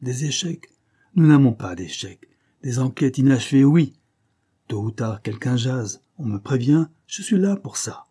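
A man doing a gruff boastful old police chief. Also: mid-range voice, expressive, measured pace, warm tone, pitched above the performer's own voice. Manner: gruff, sardonic, raised and emphatic. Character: gruff boastful aging male police commissioner.

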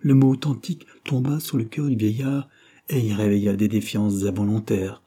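A man giving measured audiobook narration of a literary novel. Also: fairly low pitch, little pitch movement, dark tone, slightly rough.

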